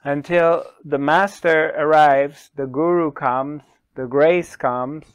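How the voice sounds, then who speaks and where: Middle-aged man, spiritual teaching, slow measured pace, long pauses, smooth voice, dry close lapel sound. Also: fairly high pitch, fairly even intonation, dry recording. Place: small dark studio, indoors. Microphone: lapel mic.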